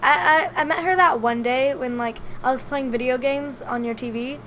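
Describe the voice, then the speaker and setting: Bright high-pitched young woman guest, giggly, animated storyteller; faint hiss underneath. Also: moderate pace. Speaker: podcast guest. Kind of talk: casual chat.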